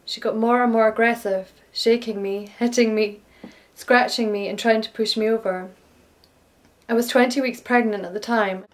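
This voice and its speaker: A woman's voice: fairly high pitch, steady tone, normal speed. A woman, a former care worker, steadily recounting a personal story in first person.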